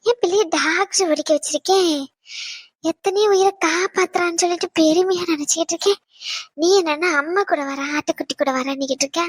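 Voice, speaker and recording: A woman voicing a frail, dying elderly mother who speaks softly and runs short of breath. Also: extremely high pitch, a little fast, no room sound. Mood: tender, pleading. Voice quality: soft, weak and breathless. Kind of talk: animated drama dub.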